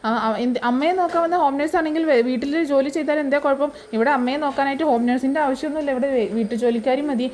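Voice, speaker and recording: Bossy scolding house matriarch, high and fast, read by a lady narrator. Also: steady tone, a little mellow, close to an everyday voice.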